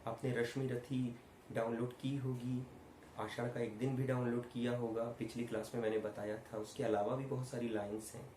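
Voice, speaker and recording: A man leads an online acting workshop and explains clear speech and vowel stress step by step. He projects his voice when he demonstrates. The recording is roomy, with faint ambient noise behind him. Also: mid-range voice, flat delivery, normal speed, warm tone. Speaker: acting teacher.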